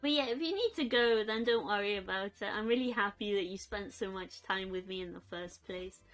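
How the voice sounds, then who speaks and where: A young woman chatting casually on a live stream from her bedroom, soft and rambling, cooing at her pets. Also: medium pitch, a little fast, faint music behind.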